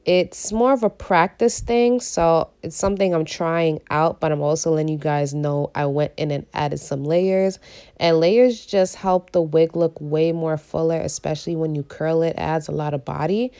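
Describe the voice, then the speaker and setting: Female beauty vlogger, low and gravelly, raspy from a cold, tutorial narration over background music. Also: fairly even intonation, moderate pace, warm tone. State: recovering from a cold.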